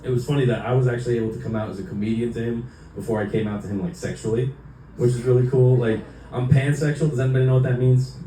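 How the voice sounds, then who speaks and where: A young stand-up comedian performs a loose, rambling set in an indoor comedy club, swearing freely and leaning on fillers. His mid-range voice is mellow and steady in tone, and he talks fast. The club sounds echoey, he's far from the mic, and there's a little hiss or hum.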